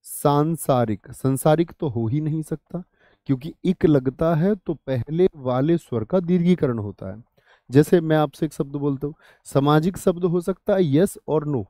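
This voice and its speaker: A man's voice: a little high, moderate pace, dark tone, dry recording, studio quality. A man teaching a Hindi grammar lesson for exam prep, asking questions and answering them himself, calling his students brother and friend. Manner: addresses students familiarly, 'bhai sahab', 'dost'.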